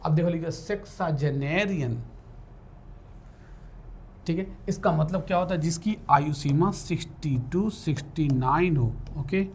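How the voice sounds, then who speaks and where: Unhurried and a bit mellow, this man's slightly high voice carries a spelling lesson in Hindi, with some faint noise behind him. As a law-entrance English teacher, he turns to English for definitions, spells words letter by letter, and checks in regularly with the class.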